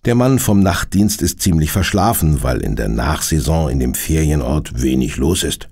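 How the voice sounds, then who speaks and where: Brief: male narrator for a children's audio drama, gravelly voice, lively tone. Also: rumbling low, moderate pace. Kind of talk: scripted storytelling for children.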